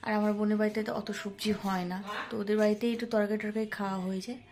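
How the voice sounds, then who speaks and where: A woman's voice: mid-range voice, level tone, very fast, a little mellow. A young woman chatting casually to her viewers in a daily vlog, often saying "so come, friends". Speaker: vlogger.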